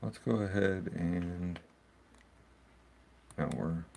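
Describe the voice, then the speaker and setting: Tech host, male, deep gravelly voice, rambling and loose. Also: drawn-out words, a little mellow, slight background noise. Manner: rambling, thinks aloud with restarts. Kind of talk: casual screen-recording walkthrough.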